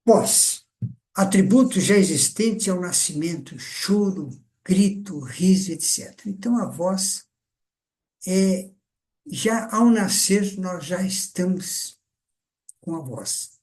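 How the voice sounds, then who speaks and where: An older man giving a lecture on communication, teaching in a deliberate, conversational way with frequent filler tags. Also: sits high, lively intonation, darkish tone. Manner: slow, deliberate, conversational teaching with many "então" and "né". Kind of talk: lecture on speaking and presentation.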